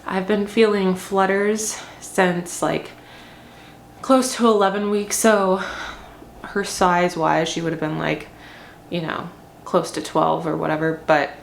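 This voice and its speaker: A woman's voice: lowish voice, steady tone, measured pace, gravelly, slight background noise. A young woman giving a casual pregnancy update, rambling and chatty with many fillers and a little short of breath. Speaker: vlogger. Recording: echoey room with faint ambience.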